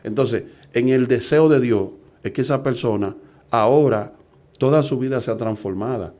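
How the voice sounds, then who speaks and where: Speaking at a moderate pace in a mellow, medium-pitched voice, a middle-aged Dominican evangelist preacher delivers an earnest sermon built around rhetorical questions.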